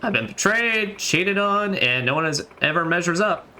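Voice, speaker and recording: A man voicing a heartbroken young woman who speaks softly and hesitantly in a raised voice. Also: high voice, animated, moderate pace, pitched above the performer's own voice, heavily acted. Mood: frustrated. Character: heartbroken young woman, shy and self-critical.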